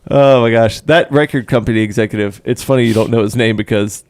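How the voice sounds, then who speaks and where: A man's voice: mid-range voice, steady tone, fast, no room sound, studio quality. A man co-hosting a music podcast, chatting casually and laughing often between his points. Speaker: podcast co-host.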